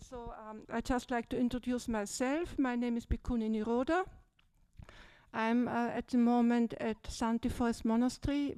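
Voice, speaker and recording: An older Austrian woman with an accent, speaking as a Buddhist nun to a retreat group. She is chatty and keeps checking in with "yeah?", and her fairly high voice is soft and mellow. She holds a handheld mic, and the sound is dry and close. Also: clean tone, no room sound. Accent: Austrian German. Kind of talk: retreat talk, personal story. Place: large dim hall, seated on a low stage. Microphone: handheld microphone.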